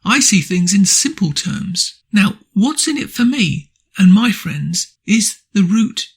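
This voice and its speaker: A hoarse man with a croaky voice hosting an opinion monologue, speaking emphatically and repeating rhetorical questions. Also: high-pitched, sing-song, slow. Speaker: radio commentary host.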